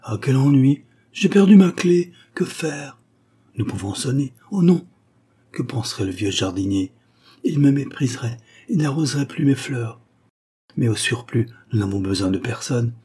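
A man's voice: medium pitch, expressive, normal speed, darkish tone, slightly rough. Man putting on a teasing ghostly widow. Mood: playful. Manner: teasing, wistful, half-whispered. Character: proud mocking ghostly young widow. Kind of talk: audiobook reading.

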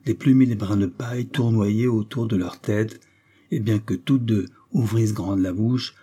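A man reading a literary audiobook with measured, grave storytelling. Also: fairly low pitch, mellow, husky. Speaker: audiobook narrator.

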